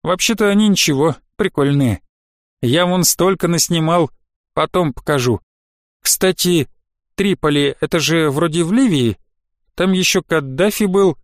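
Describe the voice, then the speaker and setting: Grumbling sarcastic teen boy, read by a male narrator; fairly high, dry close sound. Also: unhurried, no room sound, close to an everyday voice. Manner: grumbling, dismissive. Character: sulky sarcastic teenage boy.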